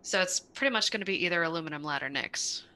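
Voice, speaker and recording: A woman's voice: fairly low pitch, animated, fast talker, bright, forceful tone. A woman player in a tabletop game, joking and a little flustered in casual chat. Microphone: online call mic.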